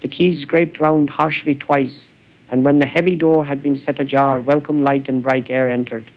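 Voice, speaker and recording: A man's voice: medium pitch, flat delivery, normal speed. Synthetic man reading literary prose. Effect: synthetic voice clone. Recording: phone-like narrow band.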